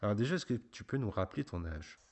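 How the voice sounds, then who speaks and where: A man hosting a casual podcast, patiently guiding a young guest with gentle questions. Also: on the low side, animated, fast talker. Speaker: podcast host interviewing a child.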